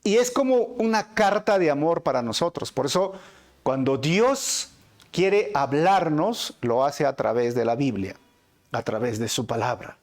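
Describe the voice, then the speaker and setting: A man with a Peruvian Spanish accent preaching a verse-by-verse Bible study. His voice sits a little high for a man. He leans on rhetorical questions and calls his listeners brothers, rising and dropping sharply for emphasis. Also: lively intonation, unhurried. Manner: dramatic swings in pitch and loudness for emphasis. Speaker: pastor teaching a Bible study. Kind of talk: inductive Bible study sermon.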